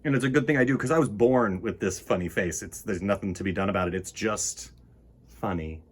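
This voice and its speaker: A man hosts a children's storytime in a lowish, slightly rough voice, speaking a little fast. He reads a picture book and chats with the children in a playful, whimsical, wandering way.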